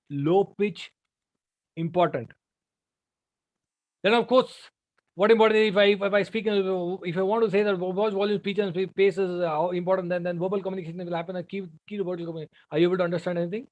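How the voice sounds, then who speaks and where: A man's voice: high-pitched, lo-fi sound. A man with an Indian English accent, giving a life-skills lecture to students and playing with his volume and pace to make his points. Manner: shifts volume and pace to demonstrate. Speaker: trainer. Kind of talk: classroom lecture.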